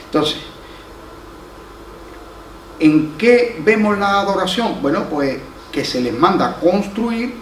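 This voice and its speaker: A male pastor with an Andalusian accent preaches, his voice a little higher than most men's. He tells stories and repeats his key lines for emphasis. He is heard from a distance in an echoey church hall with faint background noise. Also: expressive, takes it slowly, long pauses. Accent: Andalusian Spanish. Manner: storytelling, acts out quoted voices, emphatic repetition. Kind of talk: sermon. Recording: roomy, from far off, faint noise.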